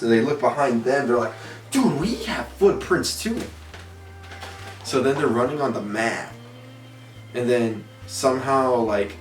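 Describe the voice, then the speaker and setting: A man's voice: mid-range voice, roomy sound. Man, drunk, rambling slangy movie retelling, far from the mic, faint music behind. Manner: drunk, rambling with repeated words; crude, slangy, quoting characters. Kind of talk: casual comedic movie retelling.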